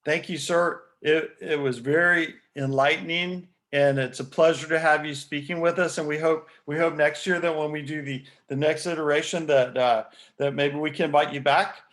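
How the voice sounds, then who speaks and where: A man moderates a virtual conference and politely introduces the next speaker. His voice sits a little high for a man, and he restarts his phrases now and then. He is speaking over a video call. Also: steady tone, normal speed, few pauses, fairly bright tone. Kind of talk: formal introductions.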